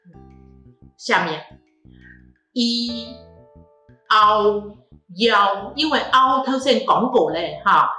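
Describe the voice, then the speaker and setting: A woman with a Taiwanese Mandarin accent leads a pronunciation drill, sounding out each vowel slowly and repeating it patiently. Her voice is bright and clear. She is recorded in a room with a noticeable echo and faint music underneath. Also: medium pitch. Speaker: language teacher. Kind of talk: phonetics lesson.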